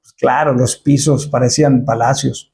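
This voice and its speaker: A man's voice: medium pitch, fairly even intonation, moderate pace, vocal fry, darkish tone, reverberant, a little hiss or hum. A man preaching a sermon in a church, asking the congregation rhetorical questions and acting out Bible scenes.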